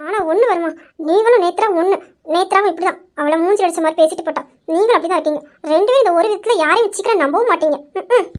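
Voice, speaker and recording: A woman's voice: very high-pitched, rapid-fire. Woman playing a coaxing young wife. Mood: pleading. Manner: pleading, coaxing, teasing. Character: sweet-talking young wife, playful and pleading. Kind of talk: amateur family drama.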